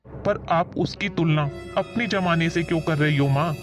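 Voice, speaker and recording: A woman's voice: fairly low pitch, normal speed, music in the background, natural voice. A woman playing a grown son who pleads with his mother for his sick wife. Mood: reproachful. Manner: pleading, reproachful. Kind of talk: family drama acting.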